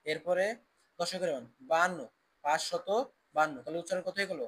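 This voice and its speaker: Male teacher, a bit higher-pitched, with a patient, repetitive question-and-answer drill for children. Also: steady tone, a little fast, a bit bright. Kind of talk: classroom math lesson.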